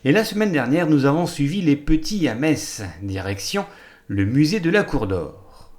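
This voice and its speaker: A man narrating a scripted local television news report with a lively, rising and falling delivery. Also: a little high, moderate pace. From Moselle, France.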